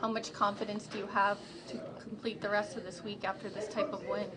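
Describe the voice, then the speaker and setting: A woman reporter asking a player questions after a game, in a brisk, friendly manner. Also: medium pitch, little pitch movement, crowd noise. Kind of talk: postgame press questions. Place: locker room, indoors. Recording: noisy locker room.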